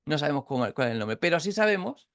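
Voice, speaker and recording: A man's voice: on the high side, sing-song, fast talker, fairly bright tone, dry recording, studio quality. A man from Catalonia teaching an informal Bible study over a video call, explaining step by step with frequent restarts and checks for understanding. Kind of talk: informal online Bible class.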